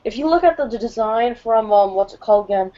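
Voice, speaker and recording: A woman's voice: fairly high pitch, lively intonation, fast talker. Hesitant woman on a lo-fi call. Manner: hesitant, full of fillers. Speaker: co-host. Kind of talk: casual chat. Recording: dull lo-fi call, faint noise.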